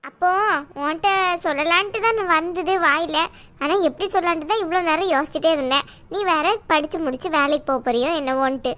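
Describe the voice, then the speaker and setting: A woman voicing a chatty, pushy middle-aged auntie who insists on arranging a match in an animated story. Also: sits high, fast. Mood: coaxing. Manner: coaxing, insistent, talks at length. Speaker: married neighbour acting as matchmaker. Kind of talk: cartoon voice acting.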